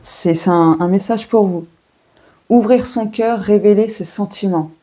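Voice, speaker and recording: A woman's voice: mid-range voice, a little slow, warm tone. A woman with a French accent doing a casual weekly tarot and oracle card reading, chatting and thinking aloud with many fillers and asides.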